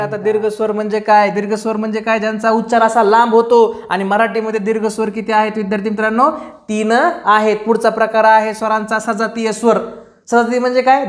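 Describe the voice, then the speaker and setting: A male teacher giving a grammar lesson for exam students, repeating terms and asking the class questions. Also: sits high. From Maharashtra, India. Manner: repetitive, drilling, questions to students.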